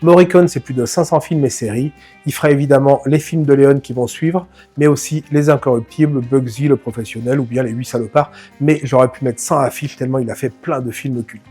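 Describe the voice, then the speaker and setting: Husky-voiced man hosting a casual film talk. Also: medium pitch, fairly quick, faint music behind. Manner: familiar, addresses the viewer directly, lively slang. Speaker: film channel host.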